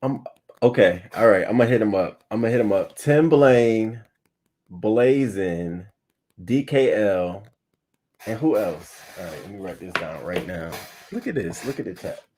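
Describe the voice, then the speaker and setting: A man in his thirties hosting a livestream morning show, chatting loosely with profanity and sudden loud bursts into a webcam mic. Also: lowish voice, a little slow, background noise. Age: 30s. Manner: loose, profane and animated, often bursting louder. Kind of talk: casual livestream chat.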